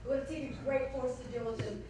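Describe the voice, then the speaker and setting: A woman's voice: high-pitched, steady tone, fast talker, dark tone, lightly acted. A woman on stage playing a proud, cold evil queen with an imperious, menacing delivery. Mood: cold menace. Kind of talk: theatrical stage acting. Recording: echoey theatre, far-off mic, faint noise.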